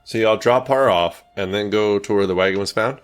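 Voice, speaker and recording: A man working as game master, improvising tabletop narration in a casual, halting way. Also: fairly low pitch, clear, resonant tone, soft background music.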